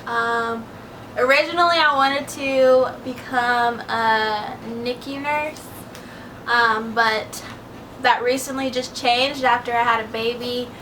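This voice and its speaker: A twenty-year-old woman chats easygoingly in a vlog Q&A, her voice sitting a little high and pausing on frequent ums. She sounds set back from the mic, with a clear hiss of background noise behind her. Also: fairly even intonation, sharp tone, far from the mic, poor audio. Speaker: vlog co-host. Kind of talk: casual Q&A chat.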